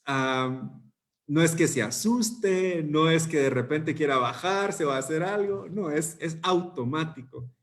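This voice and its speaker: A man's voice: on the high side, slow. A man preaching a youth service sermon, conversational and full of rhetorical questions.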